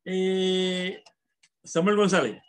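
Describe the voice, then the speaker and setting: A man's voice: sits high, very slow, clean tone. A male primary school teacher running an online class, calling on pupils and patiently spelling words out syllable by syllable.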